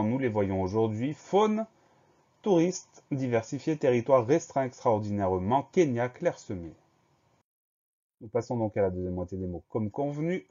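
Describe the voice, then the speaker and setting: A male teacher giving a spelling lesson, spelling words out letter by letter in a slow, patient way. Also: medium pitch, dark tone. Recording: dull lo-fi voice recording.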